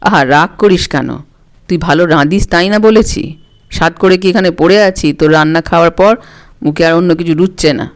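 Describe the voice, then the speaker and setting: A woman reading a Bengali story, voicing a rough, ailing vagrant man in a lowered, gruff voice. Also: normal speed, no room sound, clean studio sound, natural voice. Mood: coaxing.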